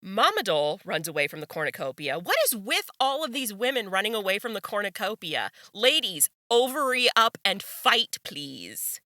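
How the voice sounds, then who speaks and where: A woman's voice: medium pitch, sing-song, moderate pace, hardly any pauses, sharp tone, no room sound, clean studio sound. A woman hosting a solo podcast, reading out results and reacting with gasps and laughter. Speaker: podcast host.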